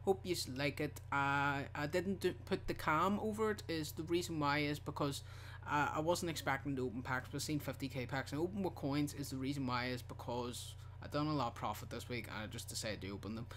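A man's voice: a little high, brisk, fairly bright tone. Male gaming video host, casual chatty address, slightly noisy recording with game ambience. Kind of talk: casual video sign-off to viewers.

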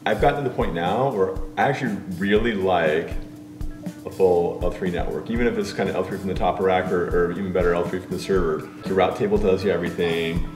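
A middle-aged man hosting a casual cooking show in a home kitchen, explaining in a relaxed way. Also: low-pitched, fast, reverberant, over music. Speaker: host.

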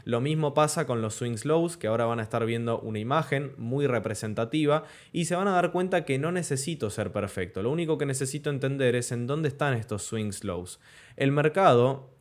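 Young man teaching chart trading. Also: mid-range voice. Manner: explanatory, checks in with "¿ok?" and "¿de acuerdo?"; slows down to stress key terms. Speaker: crypto trading instructor. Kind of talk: screen-share chart tutorial. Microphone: webcam in corner of screen recording.

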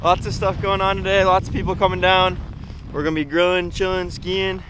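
A man's voice: sits high, little pitch movement, fairly quick, over loud music, low-quality recording. A young man casually vlogging outdoors on a frozen lake, laid-back and upbeat. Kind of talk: casual vlog narration.

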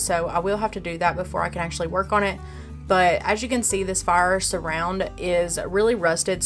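A woman vlogger with a fairly low, fairly bright voice gives a casual walkthrough of her farmhouse renovation, explaining her plans step by step. She films on a handheld phone in an empty room.

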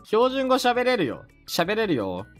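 A man from Mie Prefecture with a Mie dialect, chatting on a casual stream in an animated, rambling, jokey way. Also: sits high, unhurried, soft background music. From Mie Prefecture, Japan.

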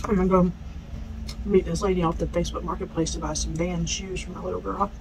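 A woman's voice: fairly low pitch, little pitch movement, fast, creaky, noisy background. A woman vlogger chatting candidly over lunch on a work break, talking while chewing with her mouth full. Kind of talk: casual eat-with-me chat.

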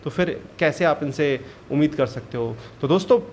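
A man's voice: a little high, normal speed, a little mellow, slight background noise. Rambling male reaction-channel host. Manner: rambling, conversational, with fillers. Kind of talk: casual commentary to camera.

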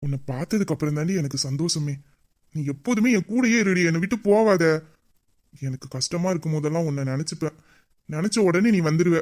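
Brief: an actor voicing a grumbling, lovesick young man in a romantic audio drama, mid-pitched and mock-angry. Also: lively intonation, quick pace, darkish tone, lightly acted. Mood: downcast.

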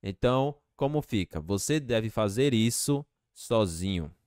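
A man teaching English to Portuguese speakers, slowly repeating each phrase with patience. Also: on the low side, expressive, a little mellow, clean tone, dry recording, clean studio sound.

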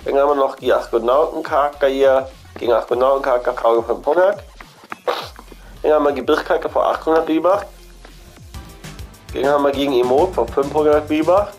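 Here the gaming host talks a little fast at medium pitch but leaves long pauses, with soft music playing underneath. Sick with a cold, he browses an in-game shop in a relaxed ramble, circling back over his words as he thinks aloud.

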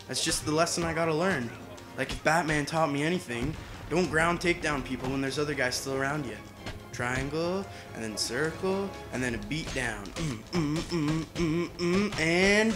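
A young man giving casual let's play commentary, playful and boastful, often exclaiming as he plays. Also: a little high. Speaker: gamer.

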